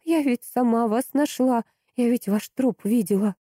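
A woman reading an audiobook, voicing a flustered, tipsy housekeeper who babbles in a shrill voice. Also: unhurried, warm tone, no echo, clean studio sound. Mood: terrified.

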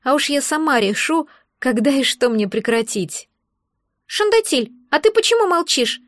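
A woman's voice: sits high, expressive, moderate pace, fairly bright tone, no room sound, clean studio sound, voice pushed up. A woman voicing a sarcastic, nosy talking egg creature in a fantasy audiobook. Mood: mocking. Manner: sarcastic, needling.

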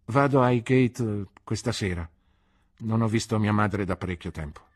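Brief: a male reader playing a boisterous, careless young gent for an audiobook, pitched up and husky. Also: normal speed. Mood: breezy. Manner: breezy, teasing, boisterous. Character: jovial careless young gentleman. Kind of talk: audiobook reading.

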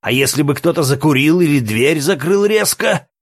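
A man's voice: on the high side, animated, moderate pace, no room sound, pitched above the performer's own voice. Man doing a furious blunt violinist. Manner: shouting angrily, curt. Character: hot-tempered red-haired male violinist, blunt.

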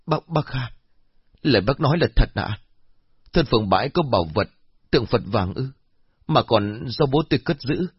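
A distraught young village woman pleads and swears she is innocent, her raised voice cracking with tears, as a male narrator puts her on. The voice is husky, and the recording is dull and lo-fi. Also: on the high side, animated, brisk, no echo, voice pushed up. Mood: stunned.

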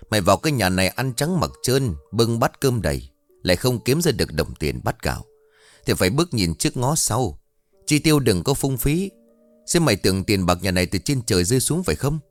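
A man voicing a bossy, spiteful old mother-in-law who shouts and hisses insults at her daughter-in-law. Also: on the low side, no room sound. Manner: harsh, shouting, hissing insults.

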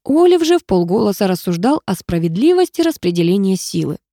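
A woman narrating an audiobook in lively first-person storytelling. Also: medium pitch, fairly quick, dry recording, studio quality.

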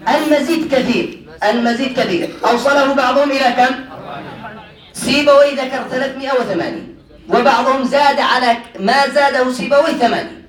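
Male teacher with a high voice, quizzing students and laughing, recorded from a distance in an echoey classroom. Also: fairly quick, fairly bright tone. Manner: quizzes students and repeats their answers, often laughing. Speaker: religious teacher. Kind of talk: classroom grammar lesson. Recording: roomy sound from a distant mic.

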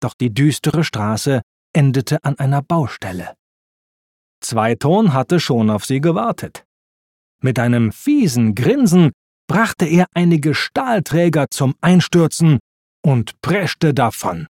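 A man narrating a children's storybook with expressive, slow reading. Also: on the high side, no room sound, clean studio sound.

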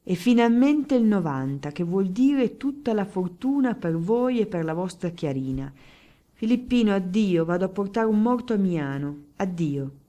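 A woman's voice: medium pitch, expressive, moderate pace, mellow, lightly acted. A woman voicing a sly, scheming middle-aged male priest who dodges and wheedles. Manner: evasive, wheedling.

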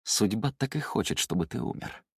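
A stern young swordsman from a storybook, curt and dry in every word, as a man reads him aloud. The voice is low and close, with no room around it. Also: expressive, brisk, dry recording.

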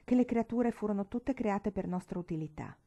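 A woman reading an audiobook, voicing a cold, haughty mother who speaks calmly with clipped, acid disdain. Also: mid-range voice, brisk, voice pushed up, close to an everyday voice.

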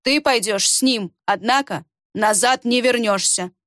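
A woman voicing a stern old village elder who speaks slowly and with weight. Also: fairly high pitch, fairly bright tone, dry recording, studio quality. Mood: grave. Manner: slow, weighty, commanding.

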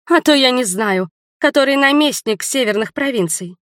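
A woman's voice: sits high, animated, normal speed, no room sound, clean studio sound, pitched above the performer's own voice. A woman voicing a spirited young runaway countess in an audiobook, speaking in a raised, emphatic way. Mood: indignant.

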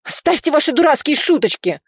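A cowardly, greedy male official, as a woman reading the story puts him on, talking in a high, shrill and frantic voice. He keeps pleading and protesting at a raised pitch, and the dry, close recording has no room sound. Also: expressive, brisk, darkish tone, dry recording.

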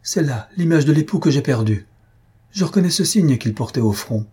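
A man doing a shrill, frightened poor mother. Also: big pitch swings, normal speed, dark tone, breathy edge, heavily acted. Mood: fearful.

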